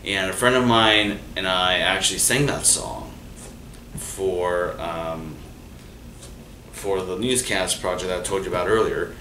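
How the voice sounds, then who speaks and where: Guy rambling thru his stories, um and uh a lot, lowish voice, faint hiss, roomy and distant. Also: measured pace. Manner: rambling, full of fillers and restarts, animated when quoting people. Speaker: host. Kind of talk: casual storytelling monologue. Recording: echoey room from far off, faint noise.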